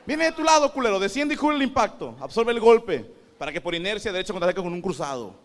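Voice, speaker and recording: A frantic, high-pitched brain commander barks orders to the limbs like a drill sergeant during an alarm, as a comedian puts it on on stage. The voice jumps around a lot and stays urgent throughout. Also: male voice, lively intonation, fast, slight background noise. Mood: alarmed commanding. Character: barking military-style brain commander, urgent.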